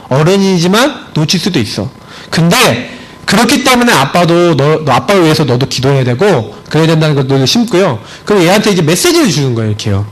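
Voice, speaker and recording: A male pastor preaching a sermon, telling a family story, swinging from emphatic high points to low, quiet storytelling. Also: rough recording. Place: church sanctuary.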